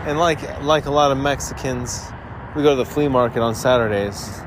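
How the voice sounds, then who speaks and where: Rambling man with vocal fry, street noise behind. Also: mid-range voice, normal speed. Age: middle-aged. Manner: rambling, repeats himself, drifts into sing-song. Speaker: podcast host. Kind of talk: rambling solo chat to listeners. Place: outdoors beside a road. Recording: noisy outdoor roadside with traffic. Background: vehicles and street noise.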